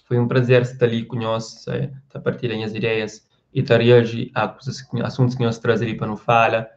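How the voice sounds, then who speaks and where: A man hosts a live stream and chats with viewers in a rambling way, restarting his sentences and checking that they follow him. His voice sits at an ordinary middle pitch. The stream audio is a little dull. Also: monotone, brisk. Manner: rambling, with restarts and frequent "você entende?". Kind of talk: casual live chat reading viewer comments.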